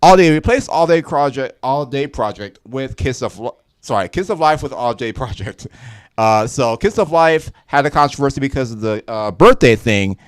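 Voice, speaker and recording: A man's voice: medium pitch, expressive, clean tone, no room sound, studio quality. A man hosting a live stream, reading news articles aloud in a casual way, stumbling over words and correcting himself with asides. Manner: reads haltingly with self-corrections and asides.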